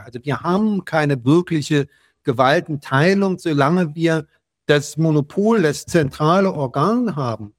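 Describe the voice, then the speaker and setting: An older man from West Berlin answering interview questions at length, measured and often repeating words as he searches for them. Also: fairly high pitch, no echo, clean studio sound. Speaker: guest.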